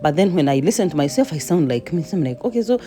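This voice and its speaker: A woman's voice: low-pitched, fast talker, mellow, faint music behind. A woman home cook giving a chatty cooking voice-over with playful asides.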